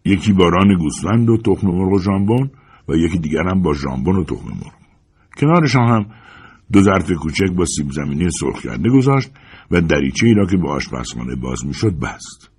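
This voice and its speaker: A man narrating a short story as an audiobook reader, in a measured, dramatic way. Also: low-pitched, big pitch swings, darkish tone, slightly rough. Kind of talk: scripted narration.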